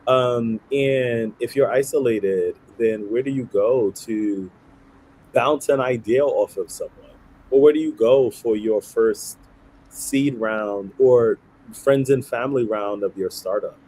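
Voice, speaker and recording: A man's voice: medium pitch, slow, dark tone, a little hiss or hum, rough recording. A man in his thirties, originally from Haiti and raised in Brooklyn, explaining himself earnestly as an interview guest and often checking in with "right?". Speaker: guest, nonprofit founder. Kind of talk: conversational interview.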